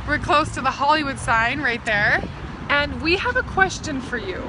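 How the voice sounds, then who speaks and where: A woman's voice: high voice, animated, normal speed. A young woman recording a cheerful selfie video question outdoors on a phone. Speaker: viewer sending a video question. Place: outdoors on a sunny city street. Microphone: phone at arm's length. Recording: outdoor phone clip with street noise. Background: traffic and city noise.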